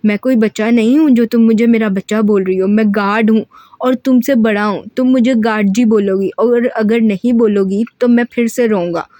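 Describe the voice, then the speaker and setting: A woman's voice: a little high, steady tone, moderate pace, dark tone, no echo, clean studio sound, close to an everyday voice. A woman voicing a playful young male bodyguard who teases in a mock-childish way. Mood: mock-stern.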